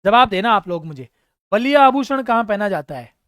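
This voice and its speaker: A man's voice: sits high, animated, moderate pace, fairly bright tone, no echo, studio quality. A man teaching a live exam-prep class online, quizzing students, reading out their names and praising them, with funny stories mixed in. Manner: storytelling with humor.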